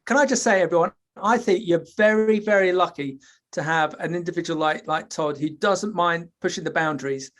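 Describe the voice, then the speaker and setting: A British man, the guest on a casual podcast, talking earnestly with many halting pauses and restarts. His voice is notably high for a man. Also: fairly bright tone. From United Kingdom. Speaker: podcast guest, school presenter. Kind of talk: casual chat.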